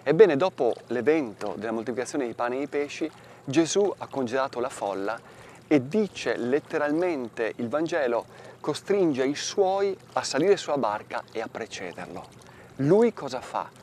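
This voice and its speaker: Priest type, male, lively rising-and-falling delivery, rhetorical questions, outdoors with faint water behind. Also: mid-range voice, moderate pace, a little hiss or hum. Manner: animated, asks and answers his own rhetorical questions. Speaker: parish priest. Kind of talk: gospel commentary for television. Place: outdoors by a lake.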